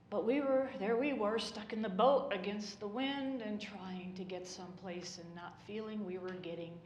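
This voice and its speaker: A woman's voice: medium pitch, darkish tone, slight background noise, close to an everyday voice. A woman voicing an old male fisherman disciple who tells, in a wistful and rambling way, how worn out he once was. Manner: rambling, wistful storytelling with sighs of exhaustion. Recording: echoey church room.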